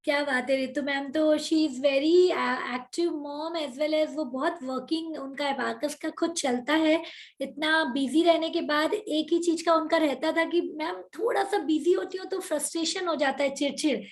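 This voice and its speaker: A woman with a high, bright-sounding voice hosts a motivational online workshop. She talks over a video call in an energetic, coaxing way, mixing English phrases into her speech. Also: measured pace.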